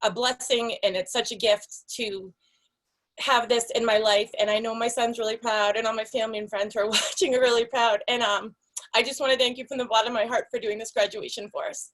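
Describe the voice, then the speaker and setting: A woman's voice: on the high side, fairly even intonation, brisk, fairly bright tone. Emotional woman graduate giving thanks. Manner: emotional, grateful, near tears. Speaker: graduating scholar. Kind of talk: short thank-you speech.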